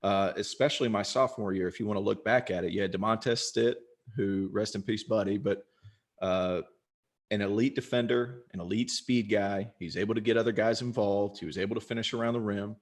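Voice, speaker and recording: Fairly quick and steady in tone, with a fairly low pitch, a young podcast host who played college basketball talks casually in an interview. He often restarts and is chatty and self-deprecating.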